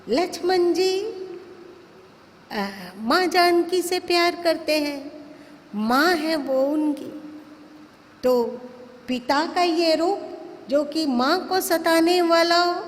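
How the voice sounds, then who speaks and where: High-voiced woman preacher telling a devotional story. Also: slow pace, long pauses. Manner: dramatic, emphatic storytelling. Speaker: spiritual teacher. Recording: long hall reverb.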